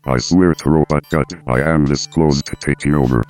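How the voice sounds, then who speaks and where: A man voicing a menacing robot bent on taking over, with a deep, computer-processed robotic voice that is loud and slow. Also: steady tone, soft background music. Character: menacing male robot plotting takeover. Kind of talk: podcast banter.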